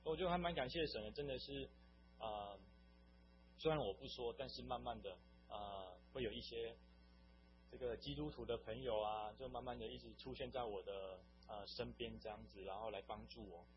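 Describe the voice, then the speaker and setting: A man's voice: mid-range voice, normal speed, faint music behind. Earnest young man. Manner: earnest, meandering storytelling. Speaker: testimony speaker. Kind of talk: personal faith testimony. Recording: dull lo-fi recording with faint hum.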